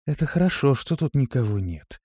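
A man's voice: mid-range voice, very animated, brisk, dark tone, slightly rough, no echo, studio quality, voice pushed up. A man reading an audiobook, voicing a timid young female demoness who speaks in a trembling, pleading, fearful voice. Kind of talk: audiobook character voice.

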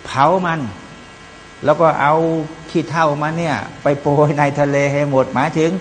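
With a slightly high voice, steady tone and moderate pace, the Islamic preacher explains the Quran in plain terms, breaking into chanted Arabic verses and speaking to his brothers and sisters. The hall's long reverb and a faint mains hum are audible.

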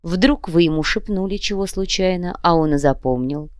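A woman's voice: on the low side, normal speed, clear, resonant tone, no room sound, clean studio sound, natural voice. A woman voicing a polite but menacing male demon commissar who threatens in a cold, courteous way. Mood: cold menace. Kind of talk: audiobook character reading.

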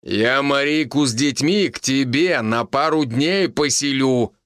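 A shrewd police major who teases his neighbours with dry, knowing remarks, read by a man close to his own voice. His tone stays plain and matter-of-fact, in a mid-pitched male voice with no room around it. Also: a little slow, fairly bright tone, clean tone, dry recording, close to an everyday voice. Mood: gruff.

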